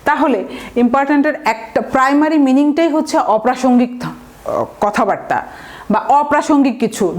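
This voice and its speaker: Woman vocab tutor, voice a bit on the high side; patient step-by-step explainer who checks in with the class. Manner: explains words step by step, mixing in English terms; often checks understanding with tag questions. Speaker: vocabulary teacher. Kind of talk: recorded online lesson.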